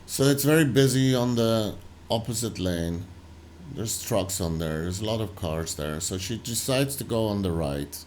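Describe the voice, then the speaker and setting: A man hosting a reaction video, talking loosely and haltingly over footage he is watching. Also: fairly low pitch, expressive, darkish tone, slight background noise. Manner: loose, halting, full of "like" and restarts. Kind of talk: casual commentary over footage.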